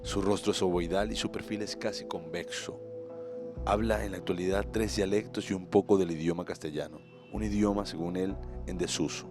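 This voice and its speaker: A man narrates a documentary in a measured, scripted read. His voice sits low, and clear music plays beneath him. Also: a little mellow.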